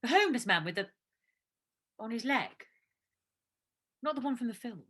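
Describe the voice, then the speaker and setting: This is a nervous London woman in a stage drama, played by an actress, worrying aloud while she cooks for her partner. Her voice is bright and fairly high, and it swings widely in pitch. She talks in a hesitant way and keeps restarting her sentences. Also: animated, moderate pace, breathy edge, full character voice. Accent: London English. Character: anxious woman cooking dinner for her partner. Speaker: actor in a two-hander play. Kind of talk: naturalistic stage drama dialogue.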